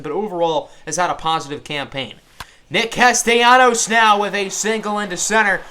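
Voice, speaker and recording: A young man with a high-pitched voice calls a baseball video game like a sports announcer. He is upbeat and excitable, and he speaks into a desk mic at home. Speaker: gaming YouTuber. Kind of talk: play-by-play commentary over a video game.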